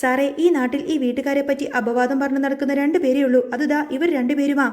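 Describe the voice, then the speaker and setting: A woman's voice: high-pitched, level tone, brisk, a little mellow, lightly acted. A woman reading the part of a wronged young wife who speaks firmly and with dignity in a storybook retelling. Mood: resolute. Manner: firm and resolute.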